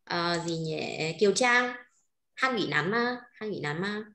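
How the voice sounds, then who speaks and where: A woman with a Northern Vietnamese accent teaches a Chinese language class, patiently checking in with her students through quick questions. Her lowish voice is expressive, pushed and bright, and the recording has a roomy echo.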